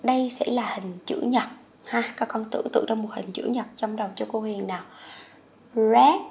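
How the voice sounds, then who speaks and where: A woman from Vietnam teaching English vocabulary to children, patient and coaxing, spelling words out slowly and repeating them. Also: a little high, fairly even intonation, creaky, darkish tone. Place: HCMC.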